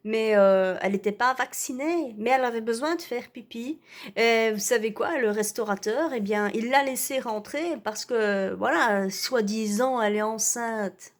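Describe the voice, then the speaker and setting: A woman's voice: fairly high pitch, normal speed, lightly acted. A woman playing a fussy, indignant lady. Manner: hesitant, full of "euh" and "hein". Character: indignant vaccinated woman, self-righteous and fussy. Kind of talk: ironic satirical rant to camera.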